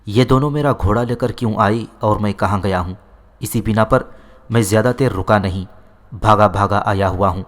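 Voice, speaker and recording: Cheerful dutiful son, male narrator reading, low, reassuring. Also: natural voice.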